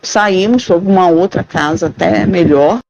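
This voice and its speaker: A woman's voice: fairly low pitch, normal speed, gravelly, darkish tone, no echo, dull audio, soft background music. A middle-aged Brazilian woman with a Brazilian Portuguese accent recounting a haunting experience in the first person, hesitant and searching for words. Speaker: caller sharing a haunting account. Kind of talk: first-person ghost story telling.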